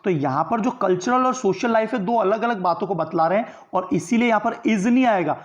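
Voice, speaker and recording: Animated and a little fast, a man with a high voice teaches an online grammar lesson aimed at exam preparation, though the audio sounds dull. He goes step by step, answering his own questions and using tag questions to seek the audience's agreement.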